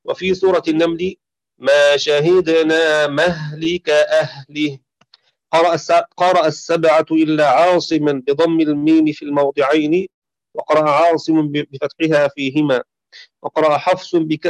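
A man giving a lesson on Quran reading variants, reading from a text and reciting verses slowly in a chanted tone. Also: on the high side, dry recording. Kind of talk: explanatory lecture reading from a text.

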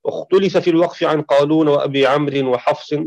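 A man giving a lesson on Quran reading variants, reading from a text and reciting verses slowly in a chanted tone. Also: a little high, steady tone, creaky, darkish tone, no echo, dull audio. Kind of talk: explanatory lecture reading from a text.

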